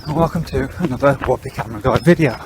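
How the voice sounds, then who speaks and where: A man's voice: medium pitch, noisy background. A man, out of breath as he talks to the camera while running outdoors on a foggy early morning. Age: 50s. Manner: chatty and frank, with breathy pauses between phrases. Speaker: vlogger.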